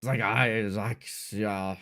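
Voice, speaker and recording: A man's voice: on the low side, fairly even intonation, slow, pushed and bright. A young adult man with a German accent, streaming a game, reading chat aloud and answering it with self-mocking humor. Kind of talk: casual livestream gameplay chat.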